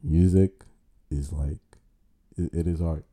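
A man's voice: rumbling low, fairly even intonation, slow pace, mellow, slightly rough. A man chatting casually in street slang as a guest on a podcast. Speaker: musician. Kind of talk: casual chat.

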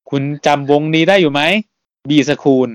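A man hosting a casual podcast, talking in a relaxed, chatty way and laughing often. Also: fairly high pitch, normal speed, no echo. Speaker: podcast host.

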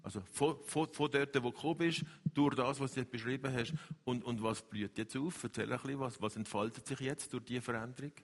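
A man's voice: mid-range voice, fairly even intonation. Probing male interviewer, hall echo. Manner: probing, rephrasing questions, halting. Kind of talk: faith interview.

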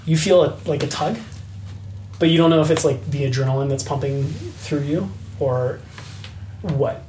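A man narrating as game master in a relaxed, hesitant way, full of fillers. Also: a little high, moderate pace. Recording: echoey room with faint noise.

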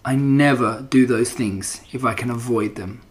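A man's voice: a little high, very animated, unhurried, voice pushed up. A man voicing a crafty, greedy male rat who speaks in a sour, sardonic way in a storybook reading.

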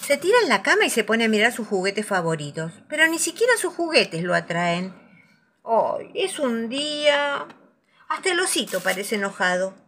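A woman narrating children's stories aloud in an expressive, animated reading. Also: medium pitch, fairly quick, few pauses. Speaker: storyteller.

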